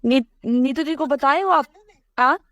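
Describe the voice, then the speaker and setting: Stressed woman on a call, highish voice, dry sound, keeps restarting sentences. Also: fairly bright tone, dry recording, dull audio. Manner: anxious, hurried, many restarts. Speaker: caller on a recorded phone call. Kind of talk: worried phone conversation.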